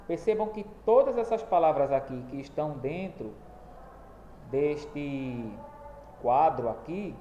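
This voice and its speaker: A man teaching a recorded school lesson, explaining step by step and checking in with quick tag questions. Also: a little high, lively intonation, dark tone, highs cut off. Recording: echoey room with faint background noise.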